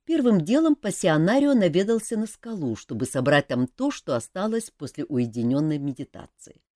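A woman narrating an audiobook with expressive storytelling. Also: low-pitched, normal speed, no room sound, clean studio sound. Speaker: audiobook reader. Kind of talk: scripted narration.

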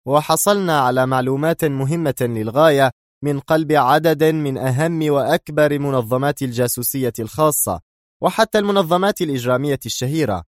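A man voicing a cold, firm male intelligence agent in an audiobook, speaking curtly and deliberately. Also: mid-range voice, no echo, studio quality, voice pushed up, close to an everyday voice.

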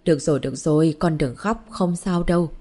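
In an audiobook, a woman voices a calm, devoted young husband and father, speaking in a gentle and reassuring way. Her voice is fairly high-pitched and her pace fairly quick.

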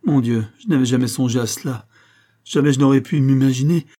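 A man's voice: medium pitch, moderate pace, warm tone, husky. A man reading an audiobook, voicing a proud, hot-tempered young country squire in raised, urgent outbursts. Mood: stricken.

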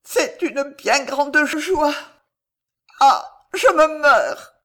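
Brief: woman playing an anxious young lady in a storybook, high and shaky. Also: big pitch swings, a little slow. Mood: faltering. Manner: trembling, breathless. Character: young noblewoman, anxious and fragile.

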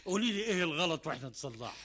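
A devoted, pleading husband in an Egyptian radio play. His voice is high and bright, with a husky edge, and his words tumble out fast. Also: big pitch swings. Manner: pleading, eager, talks over his wife. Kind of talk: classic Egyptian radio drama acting.

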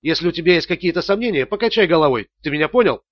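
A man's voice: a little high, animated, rapid-fire, dry recording, muffled recording, natural voice. A man playing a cold, menacing interrogator.

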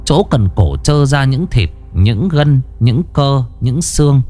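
A man narrating a ghost story in the first person, dramatic and expressive, dwelling on grim details. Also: medium pitch, slow.

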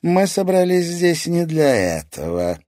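A calm, needling baroness of shadows, as a man puts her on in a much higher voice. Her lines glide with lively rises and falls. The recording is dry and close-miked. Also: unhurried, no echo. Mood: cool. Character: poised noble lady of shadows, calm and sly.

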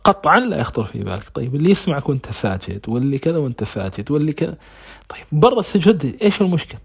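A man's voice: a little high, sing-song, very fast, vocal fry, breathy edge. A man giving an informal religious lesson on scripture, asking rhetorical questions and answering them himself. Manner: recites scripture between conversational explanation. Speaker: religious teacher.

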